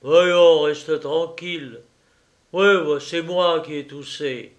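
A man voicing a gruff, impatient husband who snaps back in blunt, loud retorts. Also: on the high side, takes it slowly.

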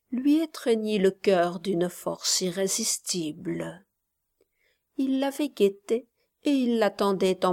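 A woman narrating a literary story in a slow, measured voice that at times drops almost to a whisper. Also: mid-range voice, a little mellow.

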